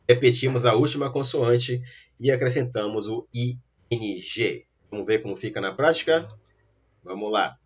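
A man's voice: medium pitch, husky. Man, English lesson, careful explaining, dull lo-fi recording. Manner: slow, careful explanations, spelling out letters. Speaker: English teacher. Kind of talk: language lesson.

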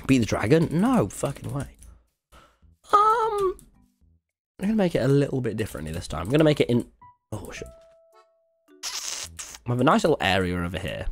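A man livestreaming a game, chatting to his viewers in an animated, sweary, exclaiming way with music behind him. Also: medium pitch, gravelly. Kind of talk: excitable game stream chatter, talking to chat. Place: indoors at a computer.

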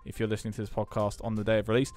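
A man's voice: on the low side, monotone, racing, darkish tone, soft background music. A man chatting casually as co-host of a podcast, with jokey asides. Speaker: podcast co-host, school tech staff.

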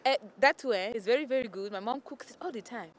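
A woman's voice: fairly high pitch, fast. A young woman from Cameroon playfully leaning into a Cameroonian accent in a street interview outdoors, on a handheld mic. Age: young adult. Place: outdoors on a campus walkway. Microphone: handheld interview microphone.

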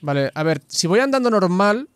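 Male gamer, excitable and sweary, fairly high voice, live gameplay commentary. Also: normal speed, clear, resonant tone. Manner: excitable, swears often, shouts at the screen.

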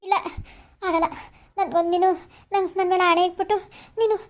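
A woman's voice: very high-pitched, fairly even intonation, brisk. A woman voicing a dramatic, pleading elderly mother in a cartoon, wailing and begging. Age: older. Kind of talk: cartoon voice acting.

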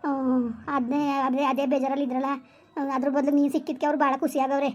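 A woman's voice: high voice, level tone, fast talker, a little mellow, lightly acted. A woman playing a middle-aged village housemaid with a drawl, in a family drama skit. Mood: confiding.

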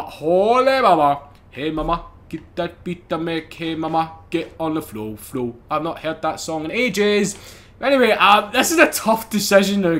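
A British man commentating casually over a racing game, excitable, swearing and laughing often. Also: sits high. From United Kingdom. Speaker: gaming channel host. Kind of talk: casual let's-play commentary.

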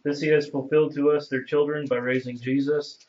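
A man's voice: fairly high pitch, a little fast, lo-fi sound, slight background noise. A man in a Bible class reading a verse aloud when called on. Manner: reads scripture aloud flatly when called on. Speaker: class member.

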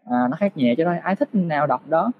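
Male English teacher, fairly high voice, patient step-by-step tutorial delivery, muffled desk-mic sound. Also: animated, a little fast, a little hiss or hum. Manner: patient, explaining step by step with rhetorical questions. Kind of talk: screen-share tutorial lesson.

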